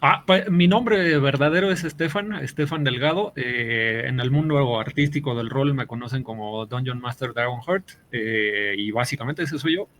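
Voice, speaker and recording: A man's voice: mid-range voice, moderate pace, few pauses, fairly bright tone, a little hiss or hum. A man in his forties with a Mexican accent, a podcast guest telling long stories with many fillers. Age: 40s. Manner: rambling storyteller, many fillers. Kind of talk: podcast interview.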